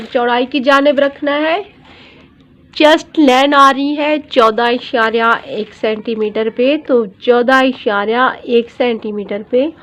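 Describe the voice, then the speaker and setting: A dress designer with a high, fairly bright voice teaches pattern drafting in a patient, step-by-step sewing tutorial. She repeats every measurement and keeps checking in with viewers, often saying "theek hai".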